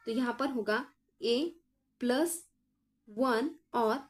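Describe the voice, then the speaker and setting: A woman teacher with a fairly high voice works through a math lesson one step at a time. She keeps asking her students what comes next and answers right away, in a patient, explaining tone. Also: steady tone, drawn-out words. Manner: explains aloud, asks the class questions and answers them herself; addresses students as children.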